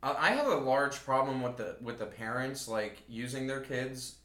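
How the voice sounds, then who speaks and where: A man's voice: medium pitch, normal speed, reverberant, a crowd in the background. A man co-hosting a podcast, telling stories in casual, profane chat and acting out quoted people. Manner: profane, animated storytelling with quoted voices. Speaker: podcast co-host.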